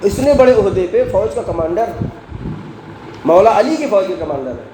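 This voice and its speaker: High-voiced preacher in an echoey mosque. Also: male voice, very animated, dark tone. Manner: asks the congregation questions and answers them, recites Quranic verses. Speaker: Friday prayer preacher. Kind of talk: sermon. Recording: echoey mosque hall, faint background noise.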